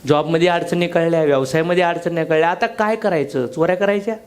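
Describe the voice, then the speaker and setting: High-voiced, blunt joking male speaker. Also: fast. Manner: blunt, slangy and joking, with emphatic repetition; fires questions at the audience. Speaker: motivational business speaker. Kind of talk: seminar talk to a live audience.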